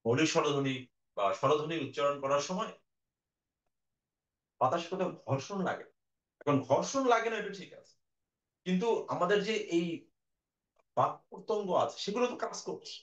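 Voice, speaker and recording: A man's voice: fairly high pitch, a bit bright. A male teacher giving a recorded class lecture, explaining patiently and sounding out vowels for his students. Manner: explains slowly, demonstrates vowel sounds aloud; addresses students directly, patient. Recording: dull, echoey room audio.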